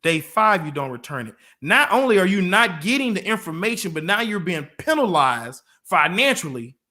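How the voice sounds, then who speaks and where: A man co-hosting a motivational talk show, telling everyday stories and acting out quotes with lively energy. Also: sits high, moderate pace. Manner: storytelling with lively acted-out quotes. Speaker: co-host.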